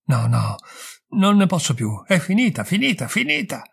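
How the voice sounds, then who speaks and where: A man's voice: mid-range voice, expressive, normal speed, a little mellow, breathy edge. A man reading an audiobook, voicing a distraught young woman who insists on leaving her husband, pleading and firm by turns. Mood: desperate.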